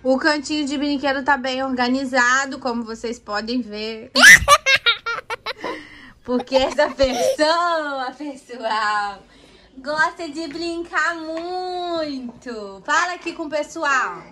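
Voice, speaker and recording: A woman's voice: sits high, lively intonation, slow, heavy background noise. A woman with a Brazilian accent hosting a casual home vlog from a toy corner indoors, playfully coaxing a toddler and talking to her viewers. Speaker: family vlogger host.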